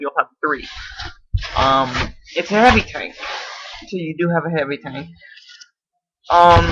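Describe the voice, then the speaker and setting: A man's voice: on the high side, background noise. A man in a casual video response, explaining at length, often correcting himself and unsure of details. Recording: dull lo-fi camera audio.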